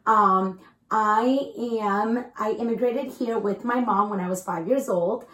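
A young woman from El Salvador hosts a casual chat show. She speaks candidly at a middle pitch, and her voice rings in a roomy, echoey space. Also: measured pace, a bit bright. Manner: candid, conversational, drops Spanish phrases. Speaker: host. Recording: echoey room.

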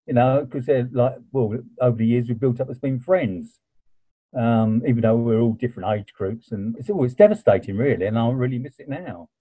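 A man being interviewed, reflecting personally in a halting, conversational way. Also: mid-range voice, warm tone, slightly rough, muffled recording. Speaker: exercise class member being interviewed.

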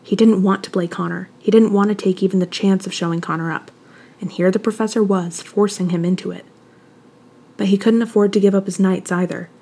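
A woman narrating a fan fiction story aloud in an even, steady way. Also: medium pitch, a little fast, gravelly, husky.

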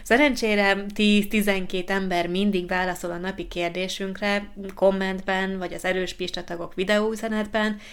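A woman hosting a language-learning podcast, chatting casually and reading a listener's letter aloud in a calm, clear, measured way. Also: medium pitch. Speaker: podcast host for Hungarian learners.

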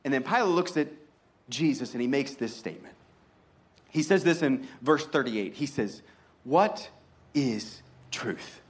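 A young adult man preaching a sermon as pastor, emphatic and full of rhetorical questions, his pitch rising and dropping widely. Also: animated, normal speed.

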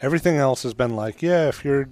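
A man's voice: mid-range voice, fast, darkish tone, no echo. A man joking in a laid-back way as a panelist on a product review show. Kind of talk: casual chat.

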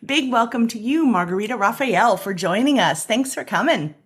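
A woman's voice: a little high, animated, moderate pace, husky. A woman hosting a podcast, who welcomes her guest in an enthusiastic, chatty way. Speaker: podcast host. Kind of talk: casual interview talk.

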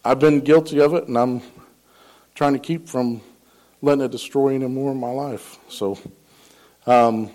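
A man's voice: medium pitch, fairly even intonation, normal speed, pauses often, a little mellow. A man giving a casual personal testimony on scripture, rambling and earnest, with many ums and restarts. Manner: acts out quoted dialogue in a raised voice. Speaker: lay speaker sharing a devotional.

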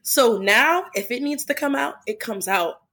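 A woman's voice: a little high, lively intonation, unhurried, sharp tone, husky. A young adult woman hosting a podcast, talking in an earnest, casual way full of "like" fillers. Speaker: podcast host. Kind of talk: casual chat.

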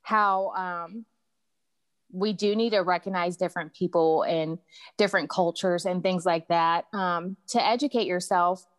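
A woman speaking candidly as a guest in casual conversation, halting at times and often saying "like". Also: lowish voice, steady tone, no room sound, studio quality. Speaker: guest sharing personal experiences.

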